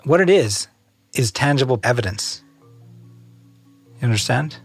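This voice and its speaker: A man's voice: mid-range voice, animated, unhurried, breathy edge, soft background music. Wry, rueful man being interviewed. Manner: wry, rueful, self-deprecating. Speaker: interview guest. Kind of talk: casual conversation.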